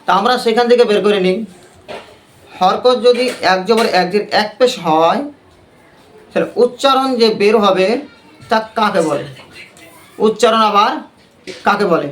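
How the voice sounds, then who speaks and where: A man's voice: sits high, expressive, a little slow, pauses often, a bit bright, a little hiss or hum. A man teaching a Quran recitation class, quizzing the class with repeated questions and leading call-and-response.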